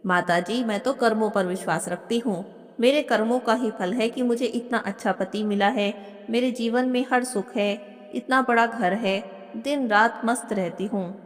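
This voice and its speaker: A woman's voice: on the high side, moderate pace, lightly acted. A woman voicing a scornful young daughter-in-law. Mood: dismissive. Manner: dismissive, defiant. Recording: long hall reverb.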